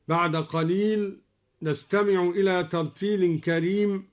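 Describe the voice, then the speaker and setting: A man from Egypt giving a radio lesson on recitation variants, calmly explaining each point and then chanting the verse slowly and melodically. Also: fairly high pitch. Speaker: Quran recitation teacher.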